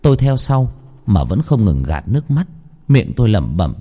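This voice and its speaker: A man narrating a ghost story in the first person, emotional and dramatic, swinging from hushed lines to pleading cries. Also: on the low side, sing-song, moderate pace. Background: faint music.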